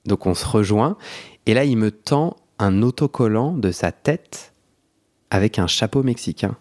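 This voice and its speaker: Here a young podcast host spins a chatty story, often laughing and backing up to restart what he's saying. His fairly low voice is a little mellow, unhurried, and lively in its intonation.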